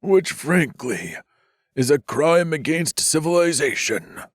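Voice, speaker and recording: A man voicing a weakened young man who jokes dryly through a raspy voice. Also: fairly high pitch, lively intonation, slow pace, no room sound, pitched above the performer's own voice, exaggerated voice. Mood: wry faint. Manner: dry joking while faint.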